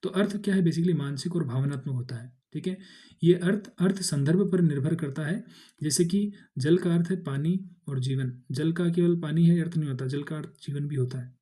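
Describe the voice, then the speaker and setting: Man tutor dark, mellow voice, fairly high, casual exam-prep lecture. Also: moderate pace. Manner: explains in Hindi with English words mixed in, many fillers and restarts.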